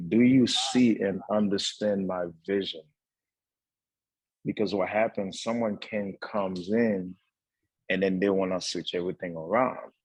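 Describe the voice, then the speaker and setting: A young man from Haiti, a guest entrepreneur on a talk show, speaking earnestly with many pauses and fillers. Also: low-pitched, darkish tone, slightly rough, no room sound, poor audio. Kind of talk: casual talk-show conversation.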